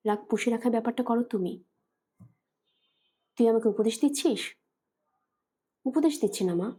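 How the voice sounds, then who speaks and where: A woman's voice: fairly high pitch, dark tone, husky. A woman voicing a young daughter who reasons patiently with her angry mother. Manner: patient, pleading.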